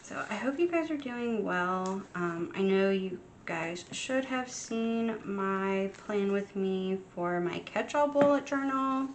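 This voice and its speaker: A young adult woman chatting casually while setting up her journal, soft and unhurried, with frequent ums. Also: medium pitch, lively intonation, slight background noise. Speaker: journaling vlogger. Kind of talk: casual chat while crafting.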